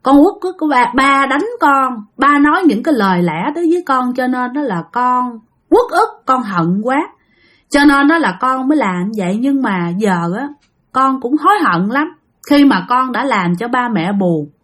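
A woman's voice: sits high, expressive, moderate pace, a bit bright. A woman voicing the tearful ghost of a young man who speaks through a possessed woman and pleads with his parents. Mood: remorseful.

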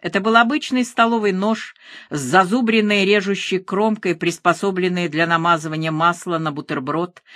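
A woman narrating a thriller audiobook in a measured, even reading. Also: on the low side, dry recording, studio quality.

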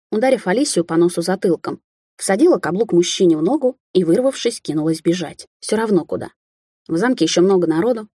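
Woman reading an audiobook, low dark husky voice, dry close sound. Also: no room sound. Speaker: audiobook narrator. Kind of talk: first-person audiobook narration.

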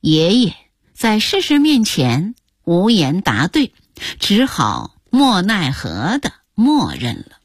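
An older woman narrating her own memories as a radio story, expressive and acting out the scenes. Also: mid-range voice, slow pace, husky, dry recording, studio quality.

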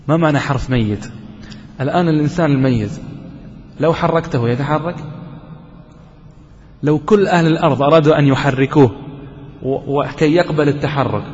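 A man's voice: on the high side, a little mellow, in a large hall, dull audio, a little hiss or hum. A man teaching a grammar lesson to a class, asking questions and answering them himself and repeating key points. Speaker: sheikh teaching Arabic grammar.

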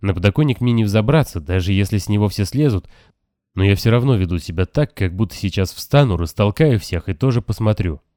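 A man reading a novel aloud in calm, even first-person audiobook narration. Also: lowish voice, fairly quick, no room sound, studio quality. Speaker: audiobook reader. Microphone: close, dry home recording.

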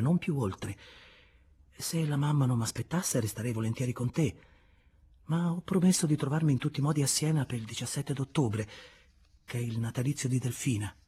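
Un uomo che legge un romanzo e dà voce a una nobildonna raffinata, con tono più acuto e malinconico. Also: male voice, mid-range voice, dark tone, husky, pitched above the performer's own voice. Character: gentle refined young noblewoman, soft and weary.

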